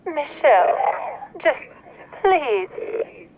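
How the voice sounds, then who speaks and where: A woman's voice: high-pitched, big pitch swings, phone-quality sound, a crowd in the background, full character voice. An actress in a video game playing a frightened, ghostly woman, her unearthly, fragile voice crackling through antique intercom static. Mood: shaken, pleading. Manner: breathy, halting. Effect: crackling antique intercom static, like wax cylinder.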